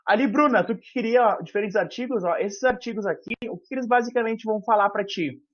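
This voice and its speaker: Speaking through a headset on a video call, a man delivers a casual university lecture, thinking aloud and using plenty of fillers. He has a high voice and talks a little fast, with muffled audio.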